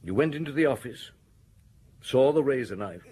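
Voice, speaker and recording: A man's voice: medium pitch, expressive, normal speed, darkish tone, husky. A man playing a shrewd, stern, middle-aged police inspector in a radio detective drama, questioning with formal authority. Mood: grave, deliberate.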